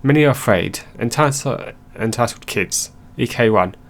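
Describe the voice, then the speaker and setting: A man narrating online stories aloud in a plain, steady reading voice. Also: mid-range voice, moderate pace.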